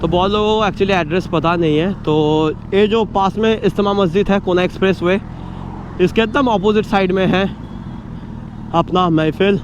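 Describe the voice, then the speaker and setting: Young male moto-vlogger, higher voice, loud street traffic all around, talks straight to viewers. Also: normal speed. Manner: chatty, addresses viewers directly, mixes English phrases into Hindi. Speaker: motorcycle vlogger. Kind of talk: casual vlog narration while riding. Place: outdoors on a motorcycle in city traffic. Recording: outdoor traffic noise behind the voice. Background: street and vehicle noise.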